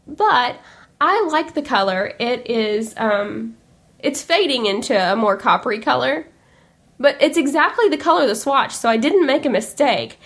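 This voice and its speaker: A young woman chatting casually to camera, animated and quick to act out what people say to her. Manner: chatty, animated, acts out quoted remarks in a higher voice. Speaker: vlogger. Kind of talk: casual chat.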